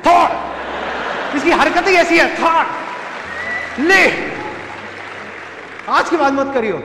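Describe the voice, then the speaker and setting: A man's voice: lively intonation, very slow, a crowd in the background, background noise, heavily acted. A man putting on the voice of a fussing mother who repeats pleas and then eggs on the punishment, in an echoing hall. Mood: shrill egging on. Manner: shrill, repetitive pleading that turns into egging on. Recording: reverberant hall, faint ambience.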